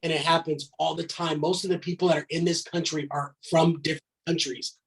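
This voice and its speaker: A man's voice: a little high, level tone, fairly quick, gravelly, slightly rough, low-quality recording. A man in his thirties, a podcast guest, talking in a blunt, emphatic way, swearing and filling his talk with "man". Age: 30s. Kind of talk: casual podcast chat.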